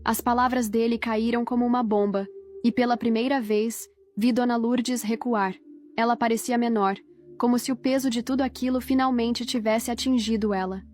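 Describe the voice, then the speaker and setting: Woman, slightly high voice, dramatic narration, faint music behind. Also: normal speed. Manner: steady dramatic reading. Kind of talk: scripted narration.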